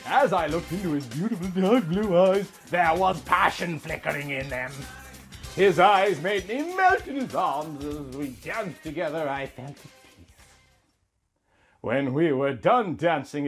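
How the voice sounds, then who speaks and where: A man in his thirties, host of a comedy reading series, gives a theatrical, mock-earnest reading of fan fiction. His fairly high, expressive voice moves a little slowly and leans on words for melodramatic emphasis. Soft music plays in the background.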